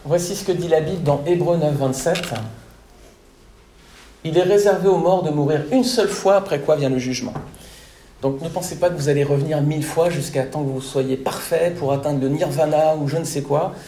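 A man delivers a teaching sermon with a slightly high, warm, mellow voice. He explains point by point and keeps checking that his listeners follow. The sound is roomy, with a faint hiss behind him. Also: fairly quick. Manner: didactic, repeats "d'accord?" to check understanding. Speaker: preacher. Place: church hall.

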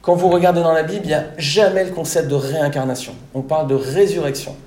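A man's voice: fairly high pitch, steady tone, quick pace, a little mellow, reverberant. A man preaching a sermon to his congregation, teaching step by step and often checking with "d'accord?". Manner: didactic, repeats "d'accord?" to check understanding. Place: church hall.

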